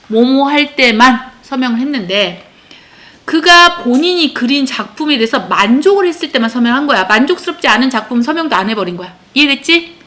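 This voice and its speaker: Female teacher for a kids' class, high and bright, quizzes and repeats phrases for the children. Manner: checks in often with her pupils, lively and drilling. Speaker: English teacher. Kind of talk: classroom lesson explaining an English text.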